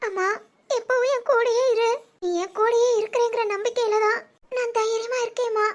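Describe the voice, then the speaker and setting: A woman voicing a timid young village woman in an animated cartoon, tearful and pleading. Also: very high voice, moderate pace. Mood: grieving.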